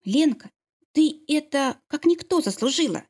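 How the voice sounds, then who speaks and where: A woman's voice: high-pitched, lively intonation, measured pace, a little mellow, voice pushed up. A woman voicing a caring young mother and priestess who reassures her friend. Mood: reassuring.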